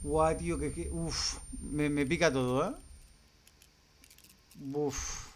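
A man's voice: a little high, steady tone, slow pace, slight background noise. A man with a Spanish accent from Spain giving casual, jumpy, scared commentary as he streams a horror game. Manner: scared, jumpy, muttering nervous reactions and exclamations. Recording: game music behind the voice. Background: video game music.

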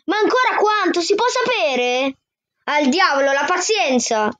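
A woman's voice: on the high side, big pitch swings, normal speed. A woman reading aloud and voicing a frustrated young boy who raises his voice, pleading and insistent. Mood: exasperated. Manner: rising, insistent outbursts. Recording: dull, dry lo-fi sound.

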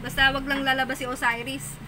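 A woman chatting casually on a live-stream while selling stones and amulets, animated and mocking. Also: high voice, a little fast, loud music behind the voice. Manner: animated and mocking, with frequent laughter. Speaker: online seller of stones and amulets. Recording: noisy background.

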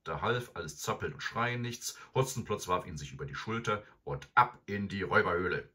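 A man reading a children's storybook aloud in an expressive, animated way. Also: low-pitched, a little fast. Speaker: narrator.

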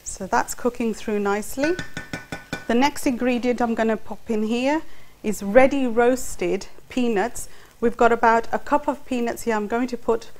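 A middle-aged woman with a somewhat high, slightly mellow voice explains each step at a moderate pace while cooking on her show's indoor studio kitchen set. Recorded on a lapel mic, the audio carries slight background noise and faint clatter of pots and utensils.

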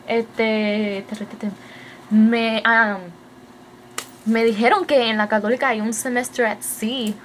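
A young woman with a Puerto Rican Spanish accent, chatting fast and excitedly in a casual video update and slipping English words into her Spanish. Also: on the high side, slight background noise. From Puerto Rico. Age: young adult. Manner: hyper, rapid, mixes English into Spanish. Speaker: vlogger.

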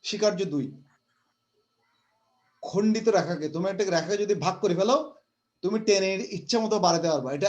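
A man's voice: high-pitched, a little mellow. A man from Bangladesh teaching a live online math class, explaining step by step and repeating key terms. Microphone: video call.

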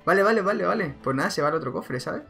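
A man's voice: sits high, animated, racing, vocal fry, pushed and bright, faint music behind. A young man giving casual, slangy reaction commentary on gaming clips and laughing often.

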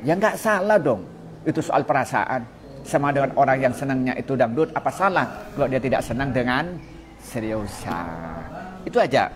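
A man's voice: medium pitch, lively intonation, normal speed, crowd noise. A man from Madura giving a casual religious lesson. He asks his listeners questions, answers them himself, and reads out Arabic quotations. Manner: mixes Arabic quotations into the talk. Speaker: Islamic religious teacher.

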